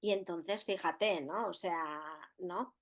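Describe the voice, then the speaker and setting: A woman's voice: lowish voice, fairly even intonation, takes it slowly. A woman from co-hosting a podcast, talking reflectively in a rambling way with many fillers and tag questions. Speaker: podcast co-host. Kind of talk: reflective casual conversation.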